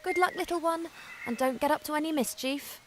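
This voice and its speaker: An actress playing a plucky, chatty young elf adventurer in a video game, with a spirited delivery. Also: female voice, sits high, a little fast, very noisy, natural voice. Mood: curious, musing. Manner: spirited, talking to herself and her bird. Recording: music under the voice.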